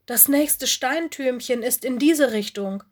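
A bold, curious young female forest creature from a storybook, voiced by a woman reading aloud. She calls out brightly and eagerly, a touch higher than the narration. Her lively, daring way of talking makes her sound fearless. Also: takes it slowly. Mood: excited.

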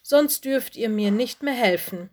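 A busy, kindly fox headmistress speaks softly but firmly, as a woman reads her, sounding motherly and composed. It is a storybook voice for children. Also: on the high side, lively intonation, unhurried. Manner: gentle, softly stern.

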